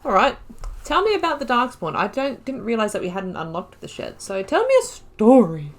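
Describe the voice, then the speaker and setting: Here a woman with a slightly high voice talks at a moderate pace and stays very animated. She's a gaming YouTuber doing casual let's play commentary, choosing dialogue options while musing aloud with lots of filler words.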